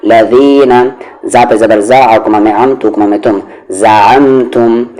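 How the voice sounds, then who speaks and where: Man slowly spelling out recitation. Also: fairly low pitch, fairly even intonation, darkish tone, low-quality recording. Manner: spells out syllables, then recites words slowly and drawn out. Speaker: Quran teacher. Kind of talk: word-by-word recitation lesson.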